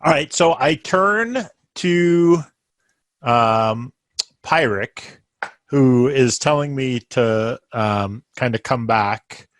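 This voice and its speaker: A man playing a tabletop game, describing his character's actions haltingly with many pauses. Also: medium pitch, animated, no room sound. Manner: halting, hesitant, many ums. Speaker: player.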